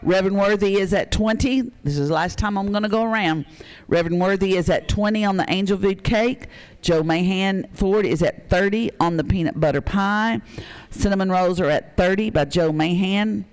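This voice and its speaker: High-voiced man calling charity bids. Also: normal speed, clean tone. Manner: folksy, reads off bids and names with frequent fillers. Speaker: charity auction host. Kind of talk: live charity auction announcing.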